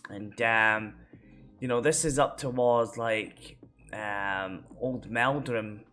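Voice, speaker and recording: Scottish guy chatting about his vlogs, bright forceful voice, loads of um and you know. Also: fairly low pitch, slow, faint music behind. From Scotland. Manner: rambling, full of fillers and restarts. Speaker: vlogger. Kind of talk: casual reflective chat.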